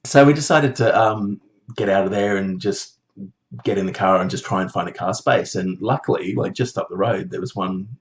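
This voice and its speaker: Aussie guy venting on his vlog, lots of swearing, kinda muffled lo-fi sound. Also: moderate pace. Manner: animated, swearing, jumps to high mocking voices when quoting. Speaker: vlogger. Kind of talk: casual storytelling vlog.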